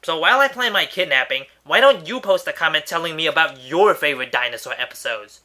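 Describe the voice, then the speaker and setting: With background music running under him, a fast-talking man narrates a scripted countdown review as host of an online cartoon countdown show. His fairly high, expressive voice comes across pushed and bright, full of emphasis and wry asides.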